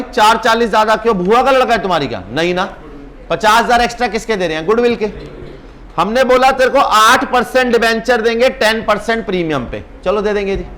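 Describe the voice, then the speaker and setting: High-voiced brisk male accounts teacher. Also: a bit bright. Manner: brisk, teasing, urges students on. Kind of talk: exam-prep class lecture.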